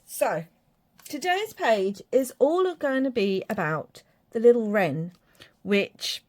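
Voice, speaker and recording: An Irish woman with a fairly high, slightly mellow voice speaks slowly and animatedly as she works on a craft project for her viewers. The crafting vlogger keeps the tutorial casual and chatty, rambling a little with fillers and poking fun at her own drawing skills.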